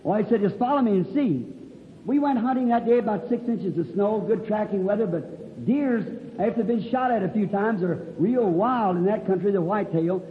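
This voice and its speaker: High-voiced preacher in an echoey hall. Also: male voice, moderate pace. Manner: folksy storytelling, rural dialect grammar. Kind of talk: sermon with a told story. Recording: dull echoey old hall recording.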